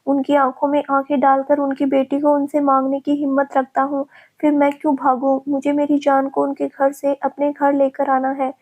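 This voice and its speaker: A woman voicing a calm, protective young man who gently reassures his frightened partner. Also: high-pitched, moderate pace, muffled recording, close to an everyday voice. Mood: earnest.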